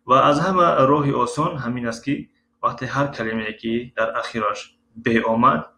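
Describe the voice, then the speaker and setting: A man with a Tajik accent teaching a Russian lesson, reading example words slowly and pausing often with filler sounds. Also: mid-range voice, sharp tone. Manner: slow, syllable-by-syllable read-aloud of example words; halting, with frequent filler sounds. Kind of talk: recorded language lesson. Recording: roomy echo with faint ambient noise.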